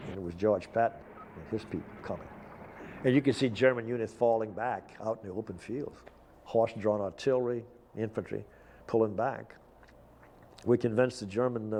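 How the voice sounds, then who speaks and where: A man's voice: on the low side, moderate pace, dark tone. An older man recounting memories as an interviewee, describing scenes vividly. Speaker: former prisoner of war interviewee.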